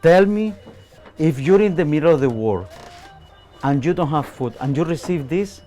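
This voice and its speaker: Soft music plays in the background as a chef from Colombia shows a visitor around a bakery and explains during an on-location interview. His voice is on the high side and animated but dark in tone, at a normal speed, and he talks earnestly, often restarting and using fillers.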